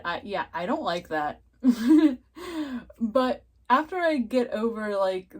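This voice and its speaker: Chatty giggly woman reviewer. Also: mid-range voice. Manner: chatty, frequent "like" fillers, giggly asides. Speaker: TV episode reviewer. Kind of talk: casual recap and review.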